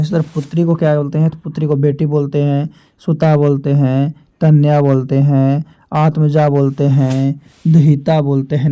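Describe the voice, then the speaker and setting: A man teaching Hindi grammar for exams, slowly reading out lists of synonyms and asking and answering his own questions. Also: on the high side, dark tone, highs cut off. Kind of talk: exam-prep lesson, reading word lists.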